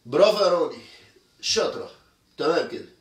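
A man's voice: on the high side, lively intonation, fairly quick, echoey room, recorded from a distance. A man with an Egyptian Arabic accent teaching English words, explaining step by step and checking that his students follow. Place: indoor room, moving around while teaching.

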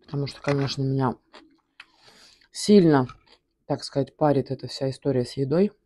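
A woman vlogger chatting casually with her mouth full, talking between bites in a halting way. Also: a bass voice, warm tone. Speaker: mukbang vlogger. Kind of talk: casual eating vlog chat.

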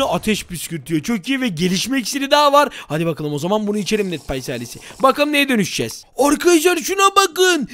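A young man giving excited, loud gameplay commentary to his viewers, full of exclamations. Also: extremely high pitch. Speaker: gaming YouTuber.

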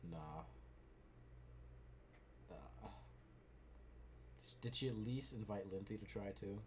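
A man's voice: lowish voice, lively intonation, takes it slowly, a crowd in the background. A man hosting a casual gaming session with a friend, laughing constantly, swearing and cheering during play. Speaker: gaming channel host.

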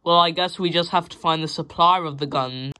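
A woman's voice: fairly low pitch, a little fast, pushed and bright, clear, resonant tone. Woman voicing a whole toy-train story. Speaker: narrator and voice of every toy.

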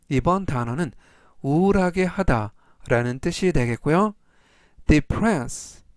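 A man teaching English vocabulary in a scripted lesson, repeating each word three times in a slow, even way. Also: fairly high pitch, clear, resonant tone, dry recording, clean studio sound.

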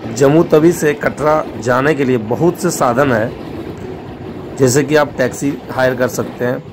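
A man's voice: mid-range voice, unhurried, background noise. A man, a travel vlogger, narrating a voice-over with travel tips for his viewers. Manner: informative, gives tips to viewers.

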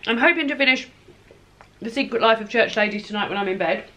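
A woman talks through her weekend in a chatty, giggly home-vlog manner. Her voice sits fairly high for a woman. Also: fast, pushed and bright. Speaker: book vlogger. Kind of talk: casual home vlog chat.

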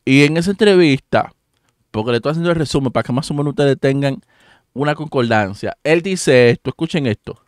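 Un hombre presentador que comenta y señala a sus espectadores lo que pasa en un video. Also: male voice, mid-range voice, lively intonation, brisk, no room sound, studio quality. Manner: pointing things out to viewers. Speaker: commentary show host. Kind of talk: reaction commentary.

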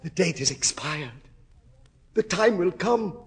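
A doomed scholar in torment, as an actor plays him, delivered with the sweep of classical stage drama. His voice is husky and swings widely in pitch, dropping to hushed whispers and rising to anguished cries. The words come slowly and linger in a long hall reverb. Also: lively intonation, full character voice.

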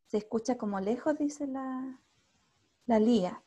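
A woman's voice: on the high side, measured pace, warm tone, husky. A woman with a Chilean Spanish accent teaching an English class over a video call. She is patient, checks in with the students constantly and mixes English into her Spanish.

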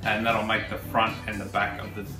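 A man, a woodworking host who explains a project in a relaxed, chatty way with fillers. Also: on the low side, fairly quick. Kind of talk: casual how-to narration. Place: large home workshop, indoors. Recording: roomy workshop sound, mic at a distance, music under the voice. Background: background guitar music.

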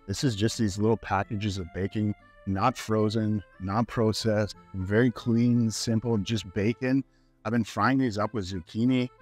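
Walking a grocery store with a lapel mic, a Canadian man in his thirties, a fitness vlogger, talks to camera in a casual, upbeat, filler-laden way. His voice is lowish, steady, a little slow and slightly mellow, over soft background music.

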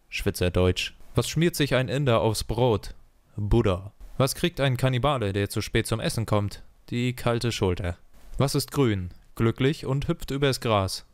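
Deadpan man with a smooth, dry voice. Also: medium pitch, no room sound. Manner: deadpan question-and-punchline delivery, slowing on punchlines. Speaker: joke teller. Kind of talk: reading one-liner jokes.

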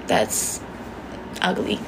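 A woman's voice: very slow, a little hiss or hum, rough recording. A young woman from Sweden with a Swedish accent, chatting casually on a phone livestream in a small bedroom, answering viewer comments and swearing freely. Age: young adult. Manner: chatty, swears casually, switches between languages. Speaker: livestream host. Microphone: phone held close.

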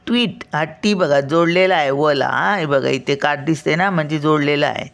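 A woman's voice: sits low, normal speed, creaky. An older woman teaching a spelling lesson, sounding words out syllable by syllable and explaining patiently as she checks that the listener follows.

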